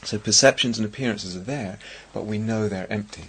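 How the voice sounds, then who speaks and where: A middle-aged man with an English accent giving a dharma talk as a meditation teacher, speaking in a reflective, halting way with many restarts. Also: lowish voice, fairly bright tone, breathy edge. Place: meditation hall at a retreat centre.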